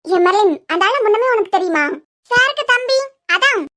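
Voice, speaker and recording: Cartoon nurse, woman voicing: talkative, reassuring, high voice, Kanyakumari Tamil accent. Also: lively intonation, moderate pace, bright, forceful tone, heavily acted. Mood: reassuring chatty. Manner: soothing, talkative. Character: chatty reassuring young hospital nurse.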